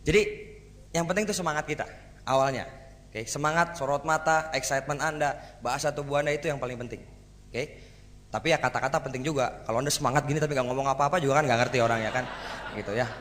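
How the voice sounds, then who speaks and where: A man giving a motivational seminar talk to a live audience, energetic and rhetorical, often asking the crowd for agreement. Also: mid-range voice, fast talker. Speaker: motivational speaker. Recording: hall reverb.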